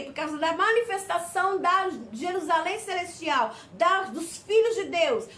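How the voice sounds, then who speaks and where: High-voiced fervent Brazilian woman preacher. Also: a bit bright, slight background noise. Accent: Brazilian Portuguese. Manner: fervent preaching with repeated "Amém?" calls. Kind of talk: sermon.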